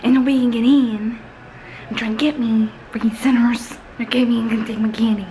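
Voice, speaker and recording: A prim, self-righteous young woman , put on by a woman, hisses her complaints in a hushed half-whisper. She scolds in a petulant, childish way, in a somewhat high voice from a small bathroom, with faint noise behind. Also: fairly even intonation, a little fast, natural voice, rough recording.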